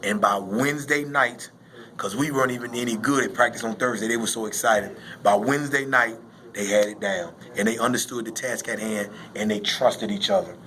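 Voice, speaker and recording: A man who coaches high school football, explaining casually and emphatically in a postgame interview, often repeating phrases for stress. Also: fairly quick, pushed and bright, low-quality recording.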